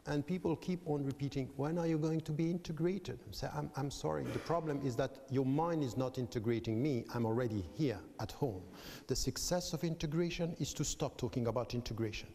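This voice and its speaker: A man from Switzerland, a professor and interview guest, explaining his views in a measured way. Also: mid-range voice, mellow. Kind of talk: debate interview. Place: debating hall with an audience. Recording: long hall reverb.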